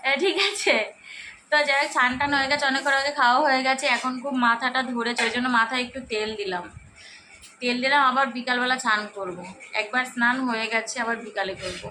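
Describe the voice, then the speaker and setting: A young woman with a hoarse voice, chatting casually to viewers in a home vlog and often asking if they follow. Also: on the high side, fast talker, bright, forceful tone, slight background noise. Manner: chatty, keeps asking "okay?". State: hoarse, sore throat. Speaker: vlogger.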